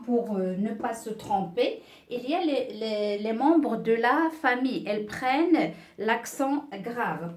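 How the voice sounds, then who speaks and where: A woman teaching beginners, with a slightly high voice and an unhurried, deliberate pace. She repeats each word and keeps checking that her pupils follow. The sound is echoey, as if recorded in a bare room. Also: darkish tone. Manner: slow, patient, repeats words and checks with "d'accord?". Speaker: French teacher. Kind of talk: beginner French lesson.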